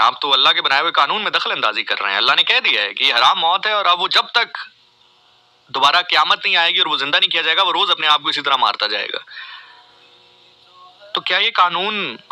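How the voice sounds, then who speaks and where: A man's voice: on the high side, bright, forceful tone, no echo, poor audio. A man, a radio host giving an earnest, reflective monologue full of pleading rhetorical questions. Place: radio studio.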